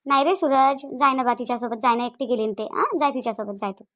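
A woman's voice: on the high side, quick pace, fairly bright tone, lightly acted. A woman with a Varhadi Marathi accent voicing an anxious older mother who keeps urging her son. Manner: insistent, repeats commands.

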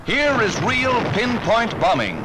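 A man's voice: very high voice, very animated, slow pace, very noisy. A man narrating a 1940s newsreel in a rousing, emphatic announcer style, with the sound of an old newsreel. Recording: narration over loud orchestral music.

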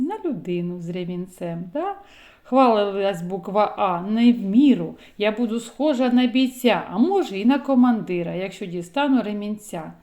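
A woman's voice: mid-range voice, warm tone. A woman teaching a phonics lesson to small children, talking in a sing-song way and drawing out her vowels. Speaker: preschool teacher.

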